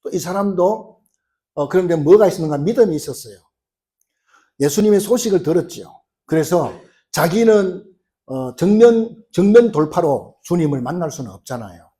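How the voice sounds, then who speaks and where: A male pastor delivers a sermon in a mellow, dark-toned voice set slightly high. He retells scripture as a story, pausing on "uh" fillers and restarts. His delivery surges louder and higher as he builds toward his points. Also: expressive. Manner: storytelling, acting out quoted cries with rising force. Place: church sanctuary.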